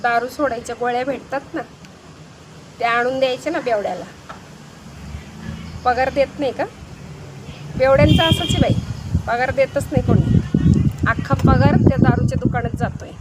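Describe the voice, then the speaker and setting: High-voiced chatty teasing woman outdoors. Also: steady tone, normal speed, pauses often, heavy background noise. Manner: chatty, teasing, bossy hostess. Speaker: comedy video creator. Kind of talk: one-sided comic monologue to visitors. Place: outdoors by her home while washing dishes.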